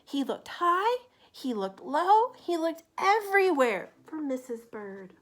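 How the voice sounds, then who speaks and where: A woman reading a children's picture book aloud in an expressive, deliberate way, with asides to young listeners. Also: high-pitched. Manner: animated, deliberate, asks the listener questions. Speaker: children's story reader.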